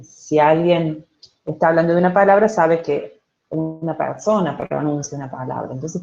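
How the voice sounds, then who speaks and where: Her voice sits low, creaky and dark, captured in lo-fi sound. She is a Spanish-speaking teacher giving an online English class, explaining slowly and with patience while asking "¿sí?" and "¿ok?" to check on her students.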